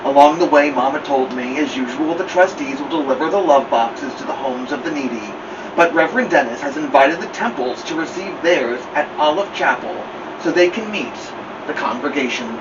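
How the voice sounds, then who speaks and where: A male storytime host with a fairly high voice reads a picture book aloud, deliberate and expressive, stressing key words. He sits slightly away from the microphone, and the muffled recording carries clear background noise.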